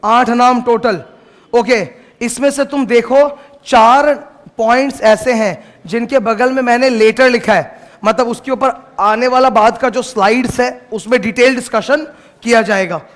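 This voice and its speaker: A man's voice: very high-pitched, steady tone, a little slow. A man teaching law to a class in a casual lecture, stopping at times to scold the noisy students. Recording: long hall reverb.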